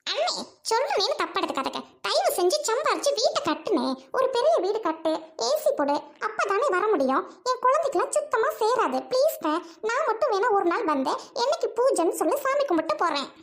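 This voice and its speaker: A woman's voice: very high-pitched, big pitch swings, a little fast, few pauses, pitched above the performer's own voice, heavily acted. A woman doing a snobbish rich young sister. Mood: scornful. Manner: scornful, mocking, whiny. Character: haughty rich young woman snubbing her poor brother. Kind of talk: family drama skit.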